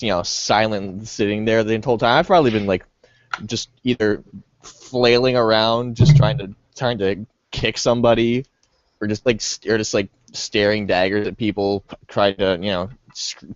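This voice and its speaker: A man's voice: lowish voice, normal speed, no room sound. A young man talks through his moves at a game table, loose and rambling with plenty of restarts. The recording sounds muffled. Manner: rambling, full of restarts and likes. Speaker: player. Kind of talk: casual chat at a game table. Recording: dull lo-fi recording.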